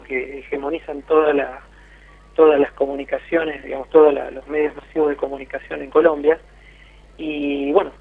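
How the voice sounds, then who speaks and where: On a tinny phone connection, a man with an Argentine accent gives a radio interview report, stumbling through fillers and restarts. His voice sits on the high side, with vocal fry and a slightly mellow quality.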